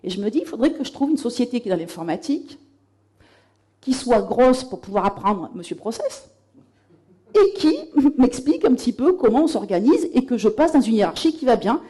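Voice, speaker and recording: A woman speaking at a conference in a rather high but soft, mellow voice. She tells her story in a lively, conversational way and brings the dialogues she remembers back to life. Her delivery stays warm and relaxed. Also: a little fast, husky. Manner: lively storytelling, acting out past dialogues with laughs. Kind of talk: anecdotal conference talk. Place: conference room.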